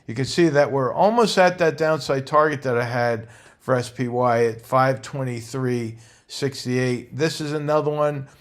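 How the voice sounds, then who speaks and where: A man's voice: mid-range voice, steady tone. Man giving instructive market commentary. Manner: measured, instructive, emphatic on key levels. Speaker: market analyst host. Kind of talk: stock market commentary over charts.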